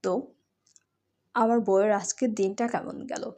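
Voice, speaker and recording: A woman's voice: medium pitch, fairly even intonation, moderate pace, warm tone, close to an everyday voice. A woman voicing a devoted, teasing young husband in a romantic audio story, tender and coaxing.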